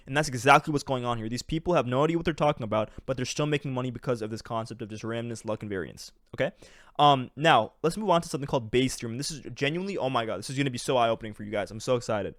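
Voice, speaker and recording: A young man talks fast and eagerly, explaining charts in a loose, rambling way. He piles on fillers and restarts and keeps checking in with his listeners. The sound is dry and close, with little room behind him. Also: medium pitch, no room sound. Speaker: trading educator. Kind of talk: casual screen-share explainer.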